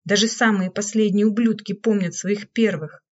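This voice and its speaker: A woman's voice: medium pitch, steady tone, normal speed, close to an everyday voice. A woman reading an audiobook, voicing a hysterical, jealous woman servant who speaks in a bitter, accusing way. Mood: desperate. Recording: dull lo-fi recording.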